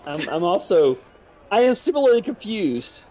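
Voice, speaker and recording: A man's voice: sits high, sing-song, moderate pace, warm tone, poor audio. A man chatting casually as a player in a tabletop role-playing game.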